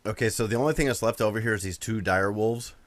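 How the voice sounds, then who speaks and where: A man's voice: on the low side, fast talker. A man playing a tabletop game, chatting in casual, joking, profane banter.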